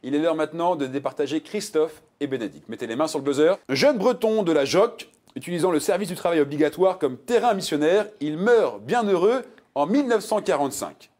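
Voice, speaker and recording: A man's voice: fairly high pitch, a little fast. A man hosting a television quiz show, reading multiple-choice questions and joking with contestants. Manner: playful, jokey, reads multiple-choice answers with lively emphasis.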